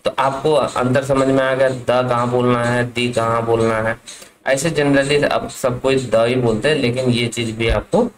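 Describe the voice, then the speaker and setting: A man's voice: mid-range voice, fairly even intonation, unhurried, slight background noise, poor audio. A man teaching an English grammar lesson, asking his class questions and answering them himself. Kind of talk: classroom lesson explaining at a board.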